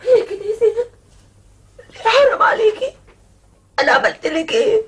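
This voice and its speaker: A scheming wife in a 1990s Egyptian TV melodrama, moaning and sobbing through fake pain. Her Egyptian voice sits very high and lurches wildly between wails and shrieked accusations. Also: very animated, fairly quick. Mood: wailing hysterical. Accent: Egyptian Arabic.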